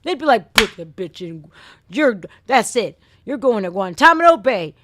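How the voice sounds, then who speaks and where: Over a noisy background, an American woman runs a livestream reaction, chatting and venting in a casual, sweary, blunt folksy way. She speaks at a normal speed in a fairly high, sing-song voice.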